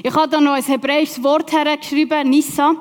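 A woman with a Swiss German accent preaching a sermon, telling the story with lively questions to her listeners. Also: high-pitched, fairly quick. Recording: long reverb of a large hall.

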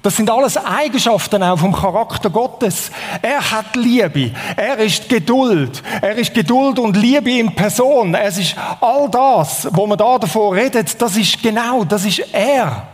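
A man's voice: sits high, animated, a little slow, in a large hall. A man with a Swiss German accent preaching a sermon in a conversational way, often asking the audience questions.

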